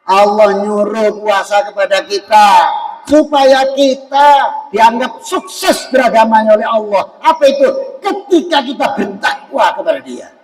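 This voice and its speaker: A man with an Indonesian accent giving a jokey, animated Ramadan sermon in a mosque hall, acting out the voices he quotes. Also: sits high, unhurried. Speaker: preacher. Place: mosque hall at a fast-breaking event. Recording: echoey hall, voice from far off.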